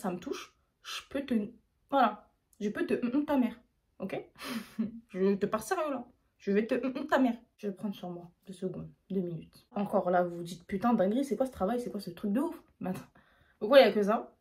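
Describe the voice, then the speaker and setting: A young woman from France telling a storytime on her vlog, casual and slangy, acting out what people said to her. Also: mid-range voice. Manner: fast, slangy, animated retelling. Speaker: YouTuber.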